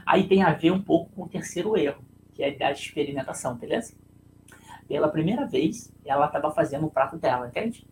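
A Brazilian man with a gravelly, creaky voice talks through a leadership lesson on a live stream. He tells a story in a loose, chatty way and keeps checking in with his listeners. A faint hum of room noise sits behind him. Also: on the high side, lively intonation, fairly quick, darkish tone, poor audio. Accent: Brazilian Portuguese. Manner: conversational, tag questions, storytelling.

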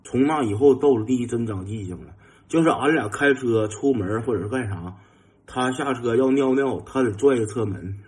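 A young man with a Northeastern Mandarin accent telling a funny anecdote in a lively, casual way, mimicking engine noises and chuckling. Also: medium pitch, moderate pace. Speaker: storyteller.

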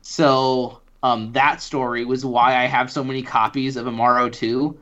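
A man's voice: mid-range voice, flat delivery, unhurried, fairly bright tone, lo-fi sound. A man co-hosting a casual podcast talk about books, speaking loosely and hedging his points. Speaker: podcast co-host discussing books. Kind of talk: casual chat.

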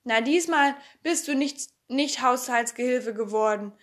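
A bold, cheeky little girl with a loud, playful voice, as a woman reading the story puts her on. She chatters brightly and high, pitched up well above the narration. A storybook character voice. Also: a little slow. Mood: chatty. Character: wild cheerful strong little girl. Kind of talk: audiobook character voice.

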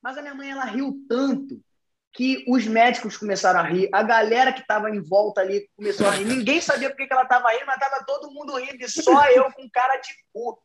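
A man's voice: very high voice, a little fast. Profane young man. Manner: profane, animated, slangy storytelling. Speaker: podcast storyteller. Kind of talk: casual chat, telling an anecdote.

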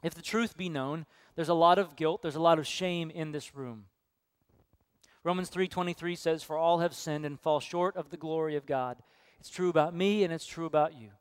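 A man's voice: fairly high pitch, moderate pace, clear, resonant tone. Guy preaching a sermon, earnest, clean dry sound no room echo. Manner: earnest preaching, storytelling with hushed quoted voices. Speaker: pastor. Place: church sanctuary.

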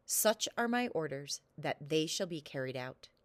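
A woman's voice: low-pitched, animated, a little slow, no echo, voice pushed down. A woman reading a storybook, voicing a stern, angry king who commands and roars. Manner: commanding, roaring.

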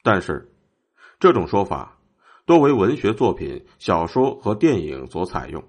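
A man's voice: deep voice, very animated, measured pace, darkish tone, husky. A man narrating a historical story in a scripted storytelling style.

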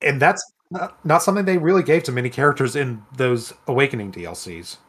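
A man with a mid-range voice, co-hosting a relaxed podcast about video games. He explains things in an easy, conversational way and picks up speed when he gets excited. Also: medium pitch, quick pace, husky. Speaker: podcast co-host.

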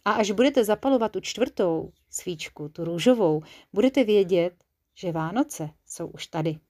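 A woman voicing a kindly old female linden tree in a children's storybook, explaining things gently and patiently. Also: medium pitch, expressive, lightly acted. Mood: gentle. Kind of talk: storybook character voice.

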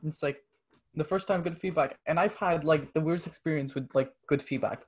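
In a highish, slightly rough voice and a somewhat fast pace, a young man from Canada rambles through a casual interview as a podcast guest. He leans heavily on "like" and performs the texts he quotes.

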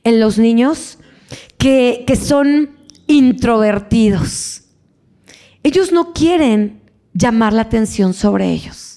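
A woman's voice: on the high side, expressive, slow pace, long pauses, mellow. A woman with a Mexican accent giving a conference talk to parents. She keeps checking in with the audience and briefly acts out parents and children in dialogue. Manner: keeps asking the audience "¿verdad?". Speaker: speaker on parenting.

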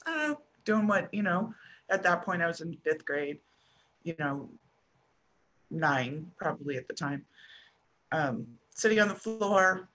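A middle-aged American woman telling a personal story as a podcast guest, halting and restarting often with soft trailing pauses. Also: fairly low pitch. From United States.

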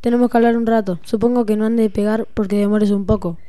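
A woman with a Rioplatense Spanish accent playing a gruff, folksy old countryman in an audio drama. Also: mid-range voice, steady tone, fast, noisy background, close to an everyday voice. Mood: gruff, blunt. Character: gruff old rural criollo man paying a visit.

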